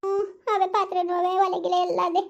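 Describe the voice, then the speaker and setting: Woman playing a tearful pregnant village wife, squeaky high voice, quick, dull lo-fi sound. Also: completely flat delivery, vocal fry. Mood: plaintive. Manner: sobbing self-blame, pleading. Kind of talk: village skit acting.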